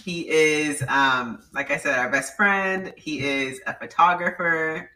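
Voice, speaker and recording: A young woman in her twenties hosts a casual podcast, talking in a chatty, giggly way full of fillers. Her voice is bright and forward. She sounds a bit distant from the microphone. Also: deep voice, slow pace. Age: 20s. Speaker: podcast host.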